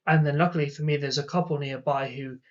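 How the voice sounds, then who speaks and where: Young male vlogger, casual storyteller, voices the people he quotes, a bit high, muffled lo-fi sound. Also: steady tone, fast. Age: young adult. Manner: rambling, acts out quoted dialogue. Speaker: vlogger telling personal stories.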